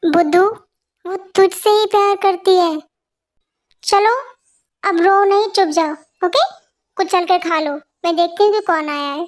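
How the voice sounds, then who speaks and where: A woman voicing a caring middle-aged mother who soothes and coaxes gently. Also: very high-pitched, unhurried, pauses often. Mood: soothing. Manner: gentle, coaxing. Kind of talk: fan audio story voice acting.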